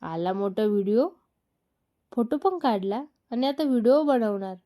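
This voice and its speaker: A woman's voice: a little high, animated, unhurried, mellow. A woman voicing a middle-aged mother in a read-aloud story, teasing and scolding her son.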